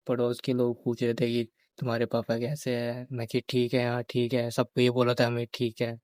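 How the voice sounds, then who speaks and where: A man's voice: mid-range voice, darkish tone, no echo. A young man, a vlogger, talking about a painful personal memory and often repeating his phrases as he tells it. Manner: grieving, repeats phrases, quotes others in dialogue. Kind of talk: personal storytelling vlog.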